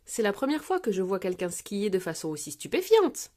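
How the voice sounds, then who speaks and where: A woman voicing a gentle, polite gazelle schoolteacher in a storybook reading. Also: mid-range voice, very animated, brisk, close to an everyday voice. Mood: impressed. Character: graceful gazelle teacher, gentle and modest.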